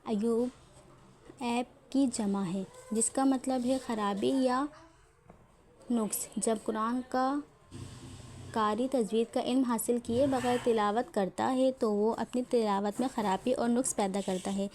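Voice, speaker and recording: A woman's voice: a little high, fairly even intonation, a little mellow, a little hiss or hum. A woman teaching a religious lesson on Quran recitation, explaining carefully and repeating words to show how they are pronounced.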